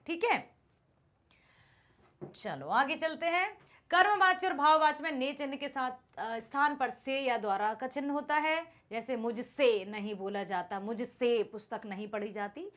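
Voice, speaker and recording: Lively, expressive woman teaching grammar. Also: on the high side. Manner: explains patiently, checks understanding often. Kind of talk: grammar lesson.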